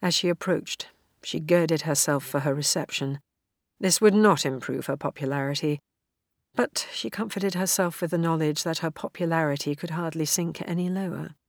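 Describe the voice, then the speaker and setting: A woman reading a novel aloud in a measured, even storytelling manner. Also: low-pitched, no room sound, studio quality. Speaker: audiobook narrator. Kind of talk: scripted narration.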